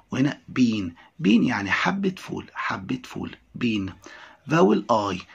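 An Egyptian man explains an English textbook lesson to young pupils, and his voice rises and falls a great deal. His tone is gravelly and a little husky. He reads the English slowly, then switches to fast Arabic explanation. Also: medium pitch, fairly bright tone, muffled recording. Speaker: English teacher.

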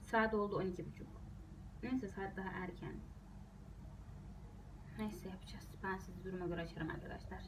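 A woman's voice: mid-range voice, fairly even intonation, moderate pace, pauses often, noisy background. A young woman, a university student, chatting casually to her viewers in a frustrated, rambling way. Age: young adult. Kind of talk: casual vlog talking to viewers.

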